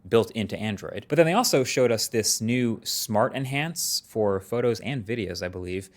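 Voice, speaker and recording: A man's voice: on the low side, lively intonation, normal speed. A man presenting tech commentary in a conversational, lightly scripted way.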